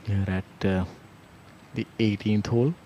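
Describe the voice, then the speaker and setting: A man with a fairly low voice works as a golf commentator on a live broadcast. He speaks in measured, hesitant phrases with frequent pauses, over a clearly noisy outdoor background. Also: steady tone, warm tone, dull audio. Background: whirring drone blades, outdoor ambience.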